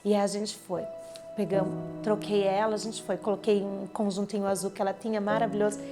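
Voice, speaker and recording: A woman's voice: medium pitch, little pitch movement, fairly quick. A woman gives a personal church testimony, retelling events vividly and with emotion, acting out what others said. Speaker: church member giving testimony. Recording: clear background music under speech. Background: soft instrumental music.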